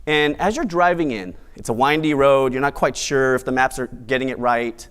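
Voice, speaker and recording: A man's voice: medium pitch, normal speed, clear, resonant tone. A man hosting a live event, giving an opening monologue in an upbeat, playful, conversational way. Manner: bright, upbeat event host. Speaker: event emcee and host.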